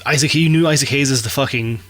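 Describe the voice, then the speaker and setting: A man's voice: medium pitch, fast talker. A man in his thirties co-hosting a podcast, telling stories with energy and laughing often. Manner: animated storyteller, laughs often. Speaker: podcast co-host. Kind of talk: casual podcast chat.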